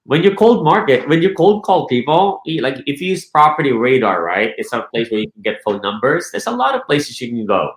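This man from the Philippines, a real estate team leader, is very animated in a casual interview, speaking a little fast with hardly any pauses in a mid-range voice. He keeps restarting sentences, repeating words and asking "right?"; the low-quality recording has a roomy sound.

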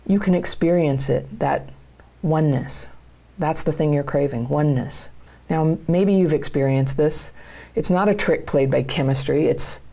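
A middle-aged woman who hosts her own channel as a coach talks straight to viewers about their lives in a direct-to-camera advice talk. Her low voice is dark and mellow with a gravelly edge, and she comes across earnest and plain-spoken.

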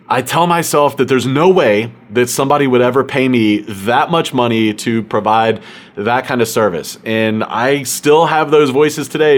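An earnest male host speaking to his audience in a casual, conversational way. His tone is reflective and encouraging, and his voice sits at an everyday middle pitch. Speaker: host of a podcast for accountants.

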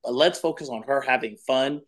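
Guy in his 30s, dance coach on a podcast, lively storyteller who says things twice. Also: mid-range voice, normal speed. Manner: animated storyteller, repeats phrases for emphasis. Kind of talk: casual interview chat.

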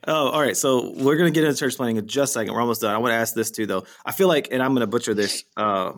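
Dude interviewing, talks really fast, mid pitch, casual and rambly. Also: male voice. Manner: rambling, informal, self-interrupting. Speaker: interview host.

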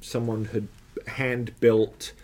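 A man's voice: mid-range voice, flat delivery, slow, a little mellow. A man from South Florida co-hosting a podcast, telling rambling, anecdotal stories in a casual chat and slipping in dry jokes. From South Florida, USA. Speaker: podcast co-host.

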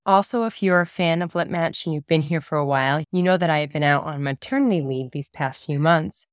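Upbeat and eager, this thirty-something podcast host and book coach delivers her intro and easygoing chat in a fairly low voice roughened slightly by a cold. Studio quality, with no room sound.

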